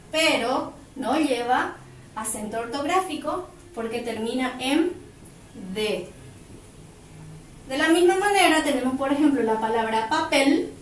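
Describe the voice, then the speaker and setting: Woman, teacher, high voice, unhurried, echoey room, off-mic. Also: recorded from a distance, a little hiss or hum. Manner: slow, emphatic, drawing out words. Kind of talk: grammar lesson.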